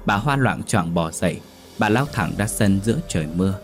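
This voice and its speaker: A man's voice: low voice, expressive, normal speed. A man narrating a horror story dramatically. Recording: faint music behind.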